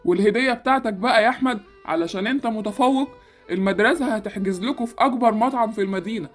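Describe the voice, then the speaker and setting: A woman's voice: a little high, racing, faint music behind, a faint crowd, natural voice. A woman with an Egyptian accent voicing a proud, generous male school principal in an amateur game animation. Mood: proud, congratulatory.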